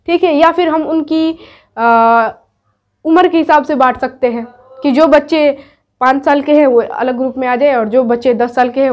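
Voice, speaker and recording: A woman's voice: sits high, a little mellow. A woman teacher giving a grammar lesson to exam students, explaining step by step and asking and answering her own questions.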